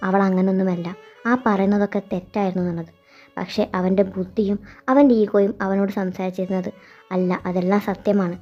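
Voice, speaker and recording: Brief: woman storyteller, reflective, lo-fi recording, music bed. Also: mid-range voice. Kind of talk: fan fiction story narration. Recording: dull lo-fi sound. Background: background music.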